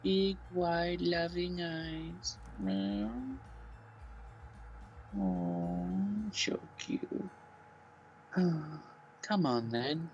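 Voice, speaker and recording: Slow-reading man with a dull, lo-fi mic. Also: fairly high pitch. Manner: coos and talks baby-talk to the cats. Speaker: game streamer. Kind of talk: reading a visual novel aloud with banter. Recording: dull lo-fi with faint music.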